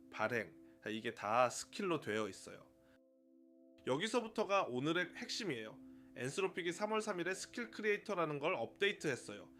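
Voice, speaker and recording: A man narrating a scripted tutorial for his own channel in a brisk, upbeat, explanatory way, counting off numbered points. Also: mid-range voice, fairly bright tone. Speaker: YouTuber running a one-person media channel.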